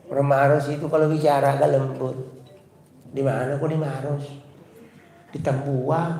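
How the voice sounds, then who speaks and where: A man's voice: mid-range voice, a little mellow, roomy sound, big-room sound. A man with a South Sulawesi accent preaching a humorous sermon, chanting Arabic prayers and joking with the women listening. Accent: South Sulawesi Indonesian. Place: mosque.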